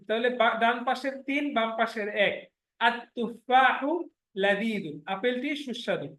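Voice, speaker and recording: A man teaching an Arabic class in Bengali, slowly spelling out letters and words and often checking that his students follow. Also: very high-pitched, a bit bright, roomy sound. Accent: Bangladeshi Bengali. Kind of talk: online class lesson.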